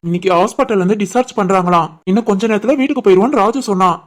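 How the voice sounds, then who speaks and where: A woman voicing a quick, easygoing cartoon husband. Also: mid-range voice, noisy background, lightly acted. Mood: casual. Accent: Kanyakumari-Tirunelveli Tamil. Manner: casual, explaining. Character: easygoing young husband, patient.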